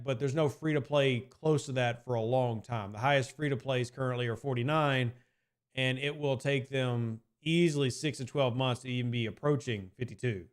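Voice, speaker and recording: A man with a mid-range voice is streaming live and fielding questions from chat. He rambles casually, repeats his points, and keeps hedging with "I mean."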